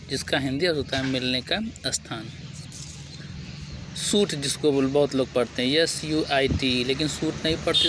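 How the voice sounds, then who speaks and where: Man with an indian accent, pronunciation lesson, middle pitch, spells words letter by letter, noisy recording, traffic going by. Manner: repeats each word slowly, asks and answers his own questions. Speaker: English pronunciation teacher. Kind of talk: spoken vocabulary lesson.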